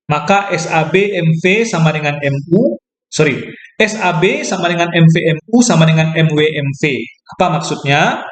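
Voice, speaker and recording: A man's voice: on the high side, echoey room. A man explaining a geometry proof as a math lecturer, thinking aloud, correcting himself and checking in with listeners. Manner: thinks aloud, self-corrects, asks "ya kan?".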